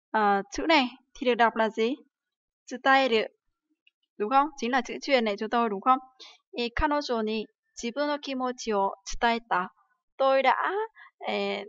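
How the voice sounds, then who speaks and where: A woman's voice: fairly high pitch, a bit bright, no echo. A woman from Vietnam teaching Japanese in a livestream lesson, often asking rhetorical questions and using many fillers. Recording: dry, slightly dull livestream audio.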